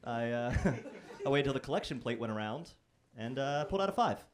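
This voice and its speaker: A man's voice: mid-range voice, lively intonation, a little fast, heavy background noise. A man performing a stand-up set on a comedy club stage, telling stories in a conversational, self-deprecating, wry way into a handheld mic.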